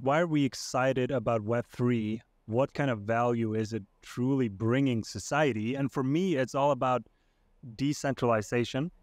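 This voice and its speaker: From his home streaming room, a young Icelandic podcast guest talks over a video call through a headset in a casual interview chat. His mid-range voice is a little mellow with no echo, and he sounds hesitant, restarting often and using many fillers.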